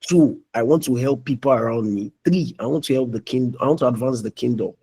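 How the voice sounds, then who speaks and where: A man's voice: medium pitch, fairly quick, dark tone, husky. A young man giving a preachy motivational talk as a mentor in a live online meeting, often asking "you understand?".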